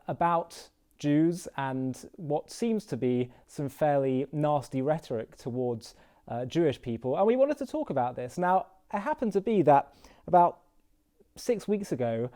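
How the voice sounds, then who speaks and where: A man's voice: fairly high pitch, mellow, smooth. A man hosting an interview, speaking casually and hesitantly with many fillers and restarts. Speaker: interview host.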